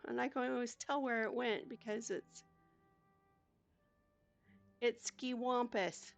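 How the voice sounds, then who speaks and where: An older woman chatting casually as she plays a cozy game, talking herself through each step in a soft voice. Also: a little high, fairly even intonation, brisk, gravelly, faint music behind. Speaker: gaming YouTuber. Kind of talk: casual gameplay commentary.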